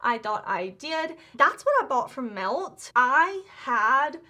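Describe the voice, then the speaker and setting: A woman talks through her beauty haul in a high, bright voice. She gushes and chats casually, her sentences full of "like" and quick restarts. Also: sing-song. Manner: gushing, chatty, full of "like" and restarts. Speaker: beauty vlogger.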